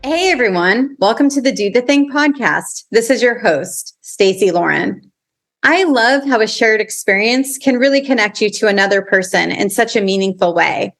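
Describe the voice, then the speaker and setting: A woman hosting a podcast, reading a prepared introduction and then chatting in a bright, upbeat way. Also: a little high, expressive, normal speed. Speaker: podcast host. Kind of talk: scripted intro, then casual interview.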